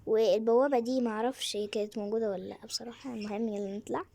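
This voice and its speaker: A woman's voice: a little high, rapid-fire, gravelly. A woman with an Egyptian Arabic accent, hosting casual, chatty gameplay commentary with lots of fillers. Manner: chatty, excitable, with many fillers. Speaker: gaming channel host.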